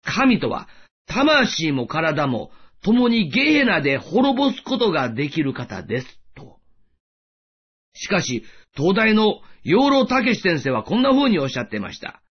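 A male preacher gives a sermon in a high, lively voice that swings up and down. His tone is a little husky. The recording sounds dull and lo-fi. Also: a little slow. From Japan. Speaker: pastor.

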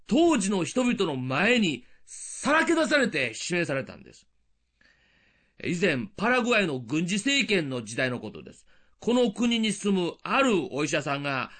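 An older man giving a radio sermon as an evangelist, explaining things plainly and posing questions to the listener. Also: high-pitched. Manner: lively, explanatory with rhetorical questions.

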